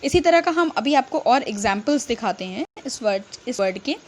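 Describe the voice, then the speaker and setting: A woman's voice: a little high, animated, normal speed, a little mellow, slight background noise. A woman with an Indian accent teaching English pronunciation, mixing Hindi and English and answering her own questions. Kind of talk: pronunciation lesson.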